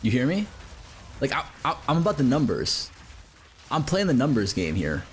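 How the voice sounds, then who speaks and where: A man's voice: mid-range voice, huge pitch swings, normal speed, slight background noise. A man streaming a game live, chatting casually, cursing and joking while he reads out chat messages.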